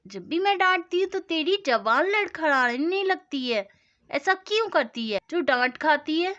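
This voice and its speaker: A woman voicing a strict but loving mother who scolds loudly, in a storybook doll-play story. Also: high voice, unhurried. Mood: angry. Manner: loud, scolding. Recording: dull lo-fi sound.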